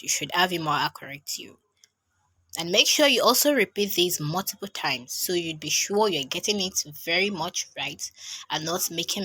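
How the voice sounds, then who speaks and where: A woman gives a careful pronunciation lesson, speaking very slowly in a lowish voice. Her tone is bright and forceful. She repeats each sound several times so the learner can copy it. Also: breathy edge. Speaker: Quran recitation teacher.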